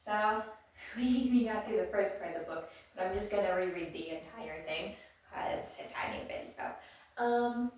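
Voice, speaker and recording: A woman's voice: medium pitch, normal speed, darkish tone. Breathless mumbly woman in an echoey room. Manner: mumbly, rambling, self-deprecating. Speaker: reader of a comic book on video. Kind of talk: casual chat and read-aloud. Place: large cold room in a building. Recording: very echoey room, mic far off.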